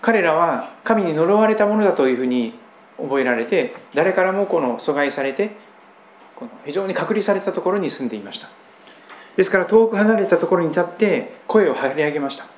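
A man from Japan, a pastor preaching a sermon in a conversational style with strong emphasis. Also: fairly quick. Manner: conversational preaching with lively, pitch-swinging emphasis. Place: church sanctuary. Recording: roomy church hall echo, faint background hum.

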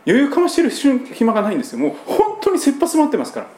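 A man from Japan, a pastor preaching a sermon in a conversational style with strong emphasis. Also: very fast. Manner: conversational preaching with lively, pitch-swinging emphasis. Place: church sanctuary. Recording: roomy church hall echo, faint background hum.

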